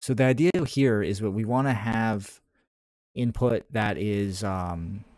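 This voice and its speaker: Deep-ish guy live streaming his game dev, rambles out loud, lots of ums and restarts, dry sound. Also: unhurried, no room sound. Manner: thinks aloud, rambling with many fillers and restarts; answers chat messages between coding steps. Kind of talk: casual live-stream chat while coding.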